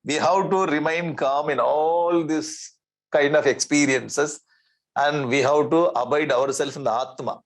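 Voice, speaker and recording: A man with a South Indian accent giving a spiritual discourse in an animated, conversational way, repeating phrases and asking rhetorical questions. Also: on the high side, a little slow, low-quality recording. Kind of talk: spiritual discourse with Sanskrit verse recitation.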